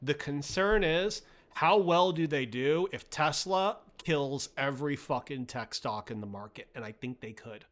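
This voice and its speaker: Talking through the market on his livestream, a man speaks a little slowly with few pauses, his voice on the high side, a bit bright, and lively in intonation. His manner is casual, blunt and profane; he reads the chat and keeps saying "like" and "right?".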